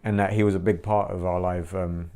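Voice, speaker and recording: A low-voiced man with a gravelly edge looks back in reflective podcast chat. He muses and halts, dropping "man" and "you know" along the way. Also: flat delivery, mellow. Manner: musing, halting, says "man" and "you know". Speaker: former band member.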